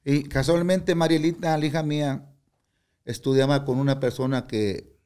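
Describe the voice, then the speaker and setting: An older man, a musician appearing as an interview guest, tells stories bluntly and candidly, swearing freely and acting out what other people said. His voice sits at a medium pitch with fairly even intonation and a moderate pace, and the tone is clean and a little mellow. It's casual interview storytelling.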